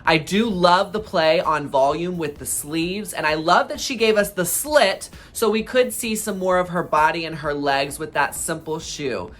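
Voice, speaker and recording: A man's voice: a little high, moderate pace, hardly any pauses, fairly bright tone. A man with the campy, sassy manner of a drag queen, co-hosting a casual fashion review with slangy, dramatic emphasis. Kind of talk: casual red-carpet fashion commentary.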